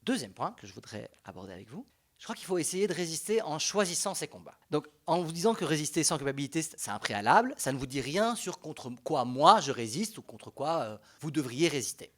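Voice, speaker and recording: This is a young man giving a public talk as a panelist, with a Belgian French accent. He's animated and chatty, restarting sentences often, and speaks fairly quickly at a fairly high pitch.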